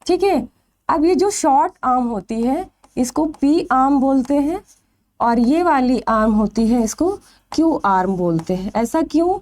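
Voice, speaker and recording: A woman's voice: sits high, animated, a little slow, darkish tone. A woman teaching a biology exam-prep lecture. She asks questions and answers them herself, stretching out the key terms.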